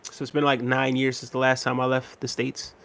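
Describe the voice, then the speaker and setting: On a relaxed livestream, a thirtysomething host reads comments from viewers aloud, repeating himself and filling gaps with verbal fillers while sounding tired and a bit unwell. His mid-range voice is gravelly, and he talks a little fast.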